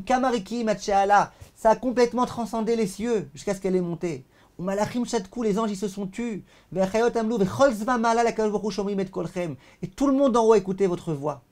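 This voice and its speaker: High-voiced rabbi teaching over video call. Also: male voice. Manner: declaims passages loudly, then translates them in a calmer voice; repeats words while searching for them.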